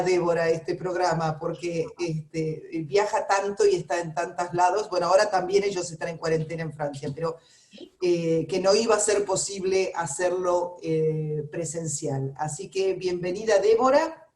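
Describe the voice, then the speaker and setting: A woman's voice: fairly low pitch, a little mellow, reverberant. A woman with a Rioplatense Spanish accent hosting a radio interview, chatting with frequent fillers. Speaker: radio host.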